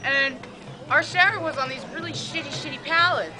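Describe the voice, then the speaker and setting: At a campsite, a woman with a high-sitting, hoarse voice tells camp stories to friends at a moderate pace, claiming she has no voice left. She swears freely, stays animated, and acts out quoted voices, with music playing behind her outdoors.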